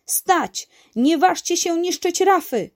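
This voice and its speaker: A woman voicing a brave, cheerful uncle who leads a diving crew and loudly scolds wrongdoers, in a children's story. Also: mid-range voice, big pitch swings, takes it slowly. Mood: indignant.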